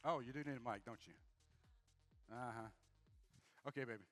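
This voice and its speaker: A man giving a lively motivational talk on a stage to a live audience, often asking the crowd if it makes sense. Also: medium pitch, moderate pace, faint music behind. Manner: lively, addresses audience directly, asks "make sense?". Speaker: speaker on leadership and communication.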